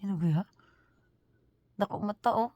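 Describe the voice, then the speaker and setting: A woman's voice: mid-range voice, measured pace, mellow, no echo, lo-fi sound. A woman chatting playfully with her pets at home in a casual home video, often laughing.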